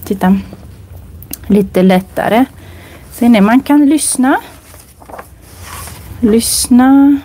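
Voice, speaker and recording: A woman teaching a casual language lesson in a library, browsing books and speaking slowly and clearly for learners. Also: a little high, animated, mellow. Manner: slow, clear demonstrating speech for learners; chatty, recommends books while browsing. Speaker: Swedish teacher. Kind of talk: casual live lesson on a walk. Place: library, indoors.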